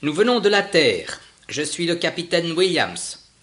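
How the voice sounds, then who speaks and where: A man reading aloud and voicing a cheerful, eager spaceship captain who talks brightly. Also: on the high side, very animated, measured pace, voice pushed up.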